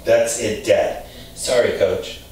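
Male, reading as terse, restrained coach in a drama scene, lower voice, off-mic with heavy echo. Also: steady tone, slow pace, a little mellow. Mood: tense. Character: restrained, curt sports coach standing his ground. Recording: echoey, distant, off-camera, noisy room.

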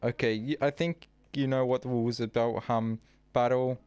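Smooth-voiced laid-back gaming host. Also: male voice, medium pitch, steady tone, moderate pace, darkish tone. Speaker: channel host. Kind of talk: casual gameplay chat.

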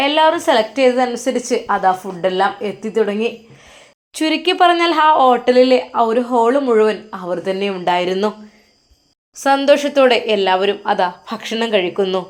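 A woman with a Malappuram Malayalam accent narrating a story with lively, dramatic delivery. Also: a little high, normal speed.

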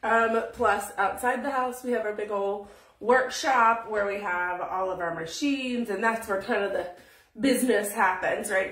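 A middle-aged woman hosts a casual live painting tutorial from her small home craft room, chatty and rambling, laughing easily and sounding a bit sniffly. Her slightly high, fairly bright voice is far from the phone camera above the table, which is often out of her reach, and the room echoes.

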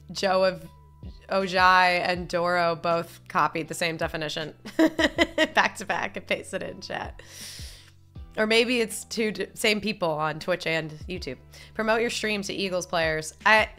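A woman's voice: mid-range voice, sharp tone. A young woman from upstate New York, live streaming and chatting bluntly with viewers as she reads their messages. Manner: blunt, candid, swears casually.

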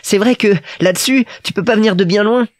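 A man voicing a small, earnest and curious boy prince in an audiobook, speaking high and insistently. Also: fairly quick, lightly acted. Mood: wondering.

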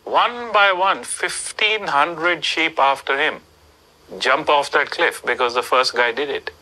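Middle-aged man, very bright edgy voice, animated storyteller, studio interview. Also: fairly high pitch, slow pace, a little hiss or hum, poor audio. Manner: animated storyteller, rhetorical questions. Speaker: speaker in an interview clip. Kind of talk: storytelling talk. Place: indoors, plain studio backdrop.

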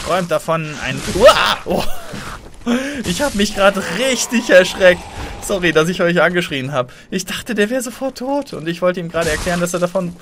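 A man commentates a blind let's play, excitable and easily startled, chatting with viewers and making little sound effects as he plays. His voice sits high, and there is background noise.

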